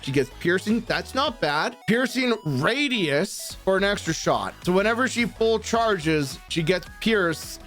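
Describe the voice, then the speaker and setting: Youngish guy with a high voice going over game characters, blunt and a bit sweary, faint music behind. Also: a bit bright. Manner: blunt, swears casually, reads skill text aloud and reacts. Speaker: gaming YouTuber ranking characters. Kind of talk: casual tier list commentary.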